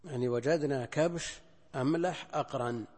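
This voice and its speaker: In this recorded hadith lesson, an elderly Islamic scholar works slowly through the classical text, going back over his points and thinking through alternatives out loud. His voice is mid-pitched, a bit husky and darkish, and a big hall lends it a long reverb.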